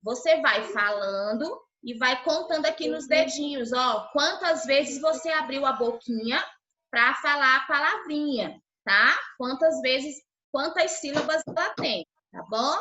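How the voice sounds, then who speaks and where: A Brazilian woman teacher leads an online lesson for young children with a bright, slightly high voice. She speaks patiently, breaking words into syllables and asking again and again whether the class is following. The audio is a roomy, muffled video-call recording. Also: lively intonation, unhurried. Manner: patient, sounds out syllables, checks in with "tá?" often. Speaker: primary school teacher.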